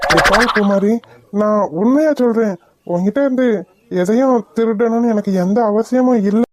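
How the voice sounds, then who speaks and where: A woman's voice: fairly high pitch, normal speed, no echo, lightly acted. A woman voicing a playful, blunt young village man in a cartoon, with a brusque, teasing delivery. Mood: puzzled. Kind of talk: cartoon voice acting.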